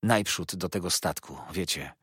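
A man's voice: low voice, normal speed, a bit bright, breathy edge, dry recording, studio quality, exaggerated voice. A man reading the lines of an old fisherman, stunned with grief and then fierce, in a hollow, dull voice that turns vehement. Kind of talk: audiobook character reading.

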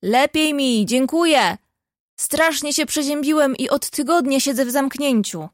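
A lonely, sickly teenage boy, voiced by a woman in a storybook reading, polite and a little plaintive. His voice sits high and is recorded close and dry. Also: measured pace, no echo.

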